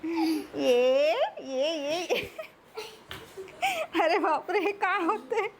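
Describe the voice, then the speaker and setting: A woman's voice: extremely high pitch, very slow, a little hiss or hum. A woman hosting a family vlog, playfully running games with her children and laughing as she coaxes them. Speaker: vlog host, mother. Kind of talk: casual family vlog chat. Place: home, indoors.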